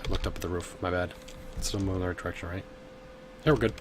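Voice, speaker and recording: A man's voice: deep voice, steady tone, very fast, a little hiss or hum. Tipsy, rambling man streaming a game. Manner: rambling, swearing, laughing often. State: tipsy from drinking. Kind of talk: live gameplay commentary. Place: home bedroom.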